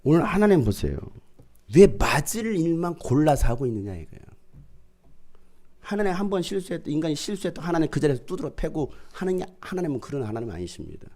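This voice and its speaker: Middle-aged guy pastor preaching, big swoopy voice, goes from loud and fired up to quiet and hushed. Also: a little high, sing-song, fast. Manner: dramatic, swings from loud proclaiming to hushed storytelling. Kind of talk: sermon.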